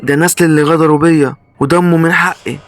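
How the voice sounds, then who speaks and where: A man's voice: on the high side, steady tone, fast, close to an everyday voice. A man voicing a vengeful Egyptian mud demoness. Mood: spiteful. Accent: Egyptian Arabic. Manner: spiteful, hissing threats.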